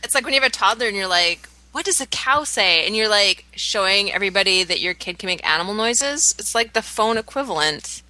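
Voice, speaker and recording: Bright-voiced Canadian woman, chatty. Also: medium pitch, expressive. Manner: chatty, explains with quick asides and laughs. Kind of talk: casual podcast chat.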